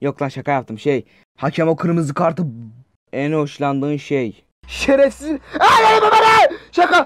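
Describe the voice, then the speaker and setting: A man giving loud, excitable reactions while gaming, yelling and swearing at what happens on screen. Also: a little high, unhurried. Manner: excitable, yells and swears at the game. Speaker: gamer and YouTuber.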